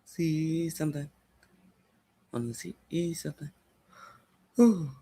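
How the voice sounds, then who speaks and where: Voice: mid-range voice, slow pace, dark tone, breathy edge, no echo. A young adult chatting casually on a home livestream, rambling and thinking aloud into a laptop mic.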